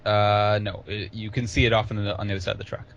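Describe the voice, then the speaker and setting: A man running a tabletop game as game master, halting and restarting as he explains what happens. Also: on the low side, little pitch movement, fairly bright tone, dull audio, slight background noise.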